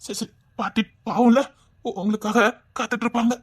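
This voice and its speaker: A performer with a Tirunelveli accent playing a tender, doting old grandfather in a comedy skit, talking slowly and fondly. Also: mid-range voice, fairly even intonation, a little mellow, breathy edge, no room sound, lightly acted. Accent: Tirunelveli Tamil. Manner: slow, fond and pleading, breaking into sobs. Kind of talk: skit acting.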